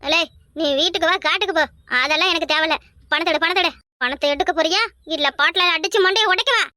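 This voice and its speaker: A boastful old mother-in-law who scolds and sings her way through a cartoon, voiced by a woman. Her voice sits very high and runs quickly, bright and piercing. It is recorded close and dry. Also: no room sound. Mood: demanding. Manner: shrill, scolding, sing-song. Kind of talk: cartoon voice acting.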